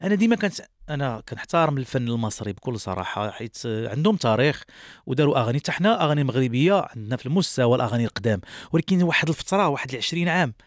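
A man's voice: mid-range voice, sing-song, racing, dry recording, studio quality. A male singer with a Moroccan accent answering interview questions earnestly, often restarting his sentences.

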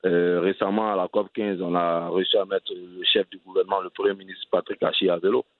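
Earnest Ivorian man, restarts phrases, dry close sound, low-pitched. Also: flat delivery, a little fast, dry recording. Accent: Ivorian French. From Côte d'Ivoire. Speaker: cycling advocate guest. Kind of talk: radio interview answers. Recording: dry, tinny phone-line sound.

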